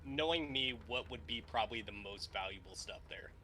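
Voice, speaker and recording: A man playing a tabletop game, eager and quick to laugh. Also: mid-range voice, expressive, bright, forceful tone, slight background noise. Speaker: player. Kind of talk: casual tabletop game play.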